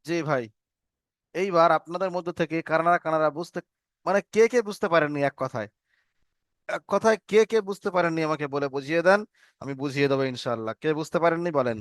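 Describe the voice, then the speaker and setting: A man teaching an Arabic reading lesson, slowly drilling letters and syllables in call and response. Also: fairly high pitch, no room sound, clean studio sound.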